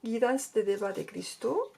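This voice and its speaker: A woman's voice: a little high, sing-song, normal speed, vocal fry, dark tone, a little hiss or hum. A woman casually reviewing an oracle card deck and reading out card texts, hesitating often. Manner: hesitant, with many fillers and restarts; reads card text aloud.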